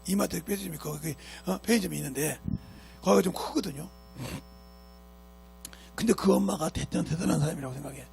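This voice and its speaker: A man's voice: fairly high pitch, brisk, gravelly, long pauses, a little mellow, faint music behind. A man preaching a sermon as pastor, emphatic and scolding, who keeps asking his congregation rhetorical questions. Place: church sanctuary.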